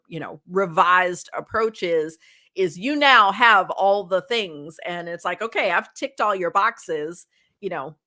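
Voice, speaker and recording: A woman's voice: fairly low pitch, sharp tone. A woman hosting an interview podcast, talking in a chatty way and thinking aloud as she builds her questions. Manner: chatty, many "you know" fillers, thinks aloud. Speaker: podcast host.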